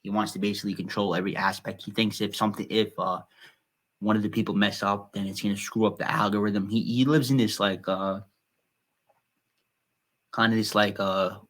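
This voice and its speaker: A low-voiced man co-hosting a casual podcast. His delivery is flat and even, halting now and then with "uh" while he hunts for words. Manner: halting, searches for words, many "uh" fillers. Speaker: podcast co-host. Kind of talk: casual chat.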